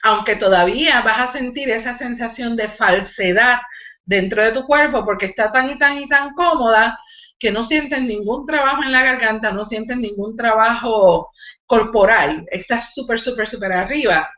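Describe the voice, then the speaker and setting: A woman's voice: a little high, moderate pace, pushed and bright, reverberant, muffled recording. A woman vocal coach teaching a live online singing lesson, explaining technique and demonstrating nasal exercises. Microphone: video call.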